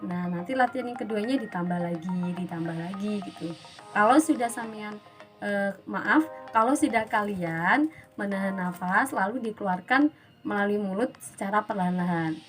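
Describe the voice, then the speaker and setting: A woman's voice: medium pitch, moderate pace, faint music behind. A woman teacher giving an instructional lesson to her students, explaining step by step and asking rhetorical questions.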